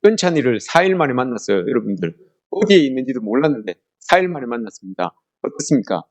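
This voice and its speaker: A middle-aged pastor preaches a family worship sermon full of stories, often asking the congregation questions and acting out quoted lines in a raised voice. He talks fast and very animatedly at a medium pitch.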